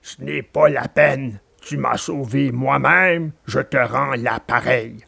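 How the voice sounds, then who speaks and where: A man voicing a kind, calm male dog in a storybook reading, speaking slowly and gently. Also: gravelly, breathy edge, no echo, heavily acted. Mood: gentle. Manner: slow, low and gentle.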